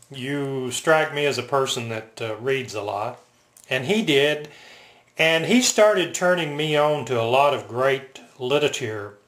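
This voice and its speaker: An older man telling personal stories casually, in a halting, reflective, unscripted way. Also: medium pitch, a bit bright. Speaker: military veteran reminiscing. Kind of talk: casual personal storytelling to camera. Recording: roomy, echoing home recording.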